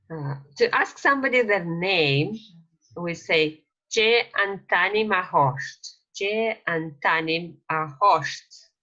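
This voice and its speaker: Low voiced lady teaching a slow beginner language lesson, bright edge, dull lo-fi sound. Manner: slow, repeats phrases for learners to copy. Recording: dull lo-fi recording.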